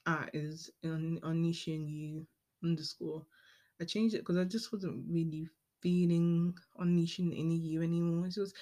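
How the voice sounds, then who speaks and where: A woman's voice: low voice, mellow. A young woman in her late teens hosting her own podcast, talking casually in a rambling, chatty way with frequent ums and self-corrections. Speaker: podcast host. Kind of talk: casual solo podcast monologue.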